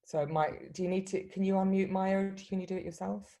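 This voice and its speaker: A woman moderating an online panel session in a relaxed, informal way, with some fillers. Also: medium pitch, fairly quick. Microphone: video call.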